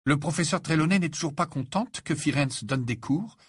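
A man voicing a teenage schoolboy wizard, friendly and a little hurried. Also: fairly high pitch, breathy edge, no echo, clean studio sound, voice pushed up.

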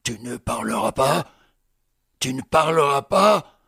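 A man's voice: medium pitch, a little slow, a bit bright, dry recording, studio quality. A man playing a furious young army captain who barks threats and scornful jibes in an audiobook. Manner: gruff threats and scornful laughter.

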